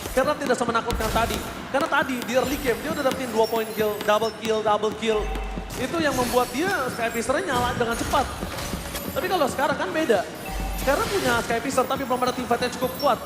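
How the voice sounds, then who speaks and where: A man with an Indonesian accent casting an esports match excitedly, with dramatic drawn-out calls and English gaming terms. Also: very high-pitched, reverberant, music in the background. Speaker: esports play-by-play caster.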